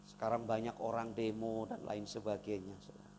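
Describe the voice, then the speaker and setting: A man from Indonesia preaching a sermon as pastor, swinging between loud emphatic lines and soft, intimate asides. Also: fairly low pitch, level tone, a little fast. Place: church hall. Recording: reverberant church hall, faint noise.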